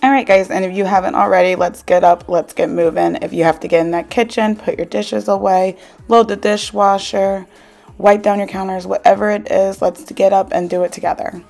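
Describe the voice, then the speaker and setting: Here a thirty-something stay-at-home mom from South Jersey talks fairly quickly in a mid-range, gravelly, darkish voice with fairly even intonation. Faint music sits underneath her American-accented home cleaning vlog, where she chats with viewers casually and encouragingly, using many "like" fillers. She starts in a parked car and then goes home.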